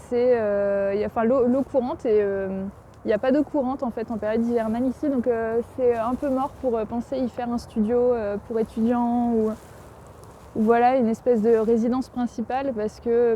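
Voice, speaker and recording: A woman's voice: a little high, warm tone. Chatty French woman vlogging outdoors. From France. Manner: chatty, hesitant with many fillers. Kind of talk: casual vlog narration. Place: outdoors in a garden allotment park. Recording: outdoor wind noise.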